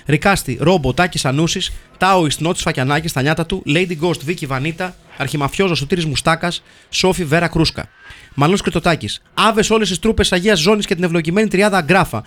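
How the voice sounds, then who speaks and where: A man hosting a comedy show, reading listener film reviews in a wry, mock-solemn deadpan. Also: fairly high pitch. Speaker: host reading listener comments.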